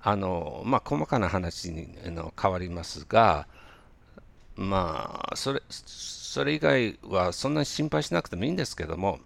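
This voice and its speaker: A man gives a relaxed pronunciation lesson in a very deep voice full of vocal fry. He hesitates often with fillers, then slows right down to model phrases for listeners to repeat. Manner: hesitant, many fillers, slow drilled demonstrations. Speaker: English pronunciation teacher.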